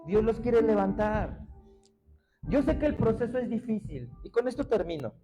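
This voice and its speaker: A man preaching a sermon as pastor in a church, impassioned and often shouting to the congregation. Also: high voice, expressive, normal speed, over music, poor audio. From Mexico. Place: church sanctuary.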